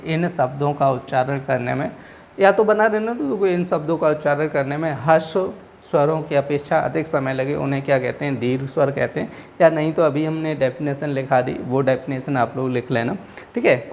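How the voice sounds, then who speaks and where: Sitting on the high side with a darkish tone, a male teacher's voice comes through with a little hiss or hum. Patiently and repetitively, he breaks exam answers into steps and keeps checking in with his students, saying "okay" often.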